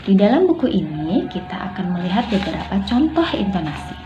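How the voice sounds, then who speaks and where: A woman's voice: medium pitch, sing-song, a little fast, dull audio, music in the background. A young woman student giving a recorded class presentation, explaining step by step with small fillers. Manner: explanatory, with fillers, rising on questions.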